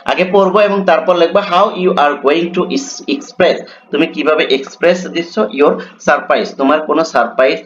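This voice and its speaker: A man with a Bengali accent teaching an English grammar lesson, reading the English examples slowly and explaining them with rhetorical questions. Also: fairly high pitch. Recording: dull lo-fi with faint noise.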